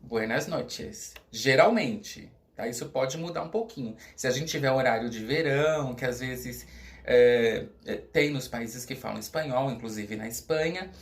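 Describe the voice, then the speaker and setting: A middle-aged Brazilian man, a school coordinator, giving a recorded video lesson in a lively teacher's manner, slowing right down to model each word and often checking in with his listeners. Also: medium pitch. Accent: Brazilian Portuguese. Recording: echoey room.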